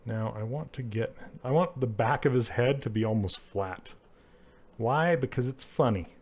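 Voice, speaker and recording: This 3D art instructor streams live, teaching character sculpting in a casual tutorial while chatting and laughing frequently as he responds to viewers. His voice is husky, medium-pitched and somewhat dark, and he speaks at a normal pace.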